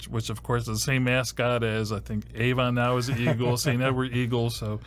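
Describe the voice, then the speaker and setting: A man's voice: mid-range voice, flat delivery, fairly quick, a little hiss or hum. Rambling Ohio man in his fifties. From Ohio, USA. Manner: rambling, full of "you know" and "like", dry jokes. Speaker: host and first-year university advisor. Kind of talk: casual podcast interview. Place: podcast studio.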